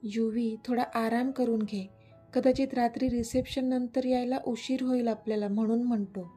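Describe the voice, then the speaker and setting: A gentle, teasing young husband speaks softly and reassuringly in a storybook romance , as a woman narrator reads him. His voice sits fairly high, mellow and a little breathy. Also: fairly even intonation, normal speed, faint music behind. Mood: tender. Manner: soft, affectionate, reassuring.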